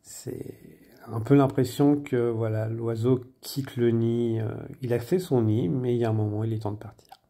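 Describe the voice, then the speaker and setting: A man working as a medium, giving a spontaneous general reading, hesitant with many fillers and pauses, sometimes dropping to a near-whisper. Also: mid-range voice, fairly even intonation, warm tone. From France. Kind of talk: spontaneous spoken guidance.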